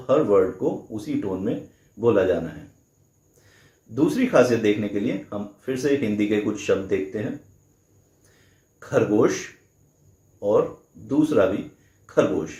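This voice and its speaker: Slow, careful male language teacher. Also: medium pitch, mellow, echoey room. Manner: slow, careful, demonstrates sounds aloud. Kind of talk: explaining a language lesson.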